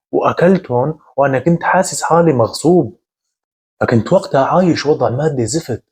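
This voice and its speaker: Man, first-person horror narration, husky, conversational. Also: mid-range voice, a little mellow. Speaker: storyteller.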